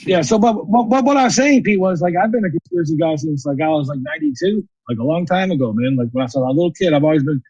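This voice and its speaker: A man's voice: fairly high pitch, a little mellow, slightly rough, dry recording, dull audio. A man arguing insistently in a voice chat, full of fillers like "like". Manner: fast, insistent, filler-heavy. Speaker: voice chat debater. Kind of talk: heated voice chat argument.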